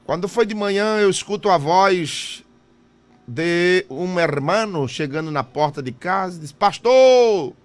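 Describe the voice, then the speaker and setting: A man's voice: high-pitched, measured pace. A man, a missionary pastor, preaching a sermon and telling a testimony in a fervent, emotional way.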